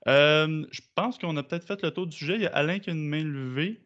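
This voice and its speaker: A man's voice: a little high, brisk, a bit bright, muffled recording. A man with a Québécois French accent hosting a radio round table, an easygoing moderator who hesitates with fillers. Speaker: host.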